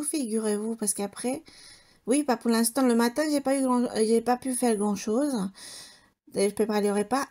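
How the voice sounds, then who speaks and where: A woman's voice: a little high, warm tone. A woman in her thirties from Spain with a Spanish accent, narrating her home vlog in a rambling way, often searching for words. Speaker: home vlogger. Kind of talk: casual voice-over chat.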